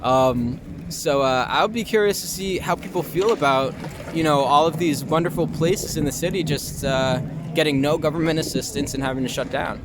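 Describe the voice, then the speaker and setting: On a noisy city street full of traffic, a young actor and filmmaker from Long Island, New York, chats casually in a street interview, feeling his way through his answers. His voice is a little high and moves at a moderate pace.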